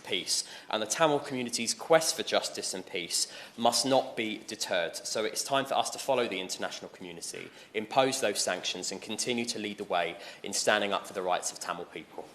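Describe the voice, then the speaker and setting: British mp guy, talks fast, formal and insistent debate speech, slight room noise. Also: fairly low pitch, fairly bright tone. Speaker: member of parliament. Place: parliamentary debating chamber.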